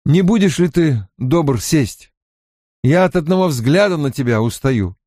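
A man's voice: fairly high pitch, animated, a little slow, warm tone, dry recording, studio quality, pitched above the performer's own voice. A man voicing an impatient, exasperated young man in an audiobook. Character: young man, exasperated lord reluctant about ceremony. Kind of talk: audiobook character voice.

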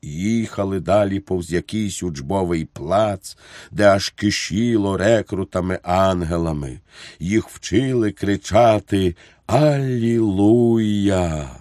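A man narrating an audiobook in a measured, deliberate reading style. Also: low voice, darkish tone, no echo, clean studio sound.

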